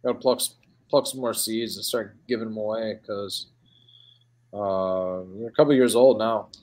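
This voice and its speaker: A man's voice: lowish voice, fairly even intonation, normal speed, darkish tone. A man with a Midwestern American accent hosting a casual podcast chat, rambling with plenty of fillers and calling people dude and man.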